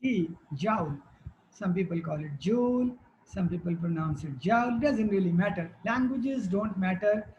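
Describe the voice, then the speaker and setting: A woman's voice: on the low side, moderate pace, darkish tone, muffled recording, slight background noise. A woman teacher giving a classroom lecture, quizzing students and repeating their answers.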